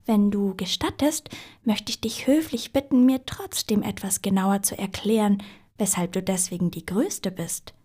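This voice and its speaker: A woman's voice: fairly high pitch, animated, measured pace, mellow, breathy edge, pitched above the performer's own voice, exaggerated voice. A woman voicing a very polite, timid male hare in a storybook reading, in whispered role-play with an overly courteous manner.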